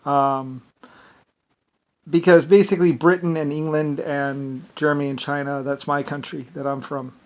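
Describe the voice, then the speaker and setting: A man from the United States with an Irish-sounding lilt rambles through a casual monologue, leaning heavily on "basically." His voice is fairly high and a little mellow, with level tone at a normal speed.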